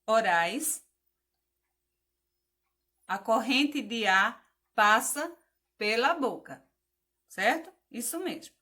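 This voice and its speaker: A woman's voice: on the high side, sharp tone. A woman teacher giving a patient phonics lesson to children, spelling out letters, asking questions and praising the answers.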